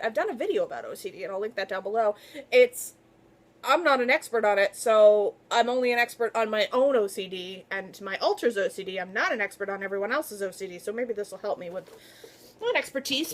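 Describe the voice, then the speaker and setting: A woman talking casually to her viewers in a book haul video, gushing and excitable. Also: on the high side. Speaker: book vlogger.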